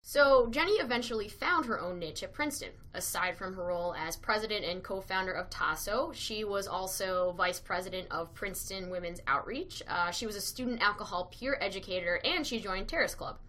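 Bright-voiced woman narrating a profile. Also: medium pitch, fairly quick, few pauses. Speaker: host, narrator. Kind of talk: scripted narration.

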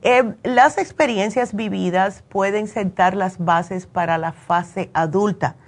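A radio call-in show host, born in Cuba and raised in the United States, gives conversational advice laced with personal anecdotes, chatting and often using tag questions to seek agreement. Her voice is medium-pitched, and she takes it slowly.

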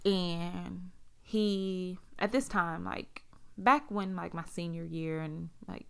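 A woman with a low-ish, steady, gravelly voice that is a bit bright and clean takes her time telling a personal experience. She is casual and blunt, swears heavily, uses frequent fillers, and acts out what people said in raised voices.

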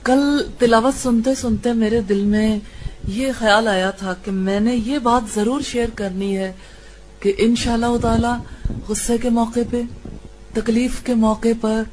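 Mellow-voiced woman teaching a religious class. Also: on the high side. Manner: probing questions to students.

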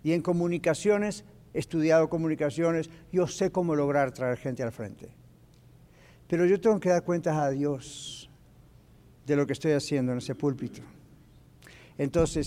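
A male pastor preaching an animated teaching sermon in church, dropping in English phrases. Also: on the high side. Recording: echoey church hall.

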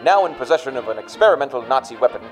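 A man narrates a measured, dramatic recap in scripted form. His pitch moves in lively swings, and faint music plays behind him. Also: low-quality recording.

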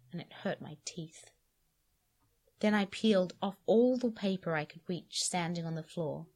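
Expressive low-voiced woman reading aloud. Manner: expressive, shifting from hushed to cries. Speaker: podcast host and reader. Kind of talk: dramatic reading of a story.

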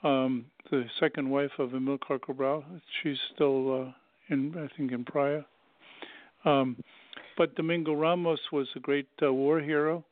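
A man's voice: mid-range voice, fairly even intonation, unhurried, dry recording. An older man, an anthropology professor, talking as a guest in an interview, thoughtful and rambling with many fillers. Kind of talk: conversational interview. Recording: tinny phone-like call audio.

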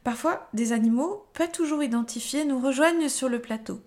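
A woman's voice-over comments, sped up into a chipmunk voice, dropped in as quick deadpan asides. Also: high-pitched.

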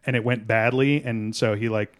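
Man, podcast co-host, casual chat, mid-pitched voice, profane, rambling. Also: fairly even intonation, normal speed.

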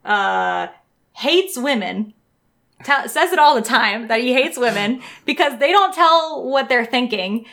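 A young woman in a laid-back podcast chat, talking with animated energy and lots of "like" fillers. Her voice sits a bit high and carries a gravelly, creaky edge. She laughs easily as she talks. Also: measured pace. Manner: animated and giggly, many "like" fillers. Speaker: podcast co-host. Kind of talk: casual chat reviewing manga.

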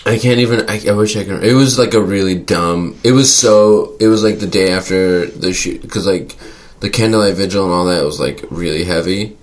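A man's voice: deep voice, moderate pace. A male comedian in casual podcast banter, talking in a playful, rambling, goofy way.

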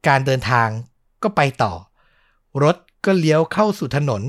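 A man's voice: a little high, very animated, moderate pace. A man hosting a podcast, retelling a true spooky story in a chatty way with many fillers.

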